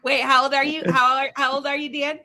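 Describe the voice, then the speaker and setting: A woman's voice: sits high, level tone, fairly quick, bright, forceful tone. A woman in her fifties hosting a casual panel chat, chatty and teasing, with easy laughter. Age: 50s. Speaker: host.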